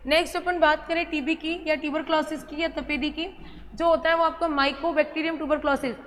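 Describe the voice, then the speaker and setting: Her high, slightly bright voice stays flat at a moderate pace as she teaches biology at the board. She quizzes the class, repeats the important terms, and calls her students child with fondness, all captured with hall reverb and a faint ambient hum.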